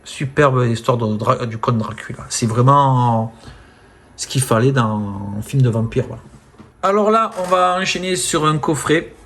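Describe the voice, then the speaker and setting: A man chatting casually about films from his collection, full of fillers, often trailing off softly at the ends of phrases. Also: mid-range voice, expressive, measured pace. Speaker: film collector presenting his steelbooks. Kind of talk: casual unboxing-style chat.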